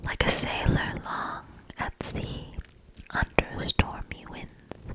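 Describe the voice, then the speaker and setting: Softly whispering with a breathy quality, a woman reads a storybook for ASMR. Her pace is careful and gentle, and she lingers after each short phrase.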